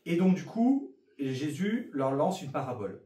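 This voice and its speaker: Animated man hosting a youth Bible talk. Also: a little high, measured pace. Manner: animated, hesitant with many fillers. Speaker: youth ministry host. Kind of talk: casual chat and Bible reading. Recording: roomy sound from a distance.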